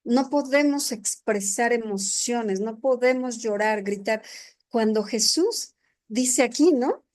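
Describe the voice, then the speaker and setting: A woman with a somewhat high voice gives a sermon-style testimony as a church leader. She talks earnestly and keeps checking in with tag questions. She speaks into a microphone at an indoor gathering. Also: slow pace, a little mellow.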